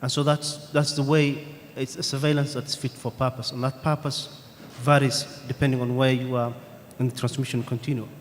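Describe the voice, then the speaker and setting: A man on a conference panel answering audience questions in a measured, thoughtful way, pausing with "um" between points. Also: mid-range voice, level tone. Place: conference hall. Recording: reverberant conference hall, faint room noise.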